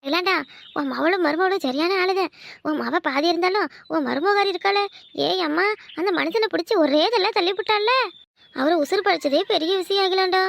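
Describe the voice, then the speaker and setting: A woman's voice: very high-pitched, brisk, creaky. A woman voicing nosy village women in a cartoon, gossiping scornfully about a neighbour's household. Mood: scandalized. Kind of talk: cartoon voice acting.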